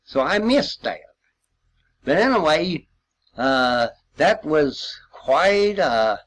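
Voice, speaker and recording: An elderly man, eighty or older, recalls his World War II service informally in a medium-pitched, slightly bright voice. He rambles in a folksy way and uses old-time expressions.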